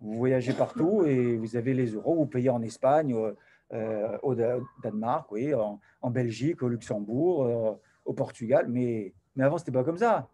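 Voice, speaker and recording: A man giving an animated sermon to a class, swinging from loud to soft and acting out little dialogues. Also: mid-range voice, moderate pace, slightly rough. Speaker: rabbi teaching a class.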